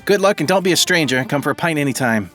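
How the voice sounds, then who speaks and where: A man's voice: fairly high pitch, lively intonation, fast talker, a bit bright, faint music behind, pitched above the performer's own voice. A man voicing a friendly Scottish woman pub landlady, chatty and welcoming, while reading game dialogue aloud.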